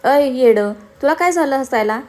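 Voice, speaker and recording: A woman voicing a feisty, sharp-tongued young woman in a storybook reading. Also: high-pitched, animated, moderate pace. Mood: sulky. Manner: snappy, sulky.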